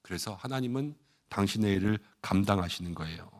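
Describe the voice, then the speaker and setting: A middle-aged man preaches at an early morning service as senior pastor. His voice sits low but rises and falls with wide, animated swings. He slips into little acted-out complaints from his congregation. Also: brisk.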